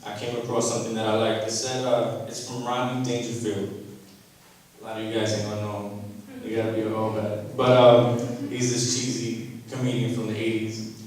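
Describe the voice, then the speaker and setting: A man in his thirties from Brooklyn, giving an emotional, halting reunion speech to an audience, with many fillers. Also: on the low side, monotone, darkish tone. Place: indoor event hall. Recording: echoey hall from far off, faint noise.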